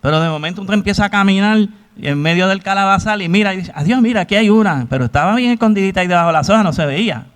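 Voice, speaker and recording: A man preaching a sermon, with a voice that sits somewhat high for a man. He keeps asking the congregation rhetorical questions. He also acts out the voices he quotes. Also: racing, hardly any pauses, fairly bright tone, clean tone.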